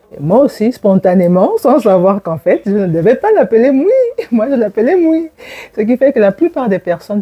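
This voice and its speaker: In an interview, a woman from Gabon in her forties, who lectures at a university, thoughtfully recalls growing up. She has a lowish, mellow, slightly rough voice, pausing with fillers and occasionally laughing as she gives her personal account.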